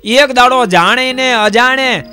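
Bright-voiced monk preaching. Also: male voice, extremely high pitch, takes it slowly, clear, resonant tone, soft background music. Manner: repeats rhetorical questions to the audience; lively storytelling, voices the people in his stories. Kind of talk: folksy sermon with stories.

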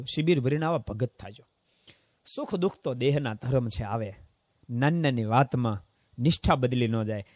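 A middle-aged man preaching a sermon as a swami, telling stories and swinging between hushed asides and loud exclamations. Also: medium pitch, dry recording, clean studio sound. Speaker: swami preaching at a devotional camp.

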